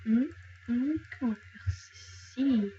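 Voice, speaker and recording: A woman's voice: on the high side, slow pace, mellow, muffled recording, a little hiss or hum. Playful young woman narrating her gameplay. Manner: playful, chatty, talks to viewers and to things. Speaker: gaming youtuber. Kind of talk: casual let's play commentary.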